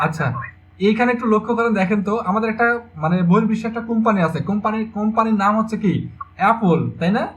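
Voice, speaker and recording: High-voiced young man teaching English. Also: steady tone, racing, lo-fi sound. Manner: repeats questions to the class, explains step by step. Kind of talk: online exam-prep lecture.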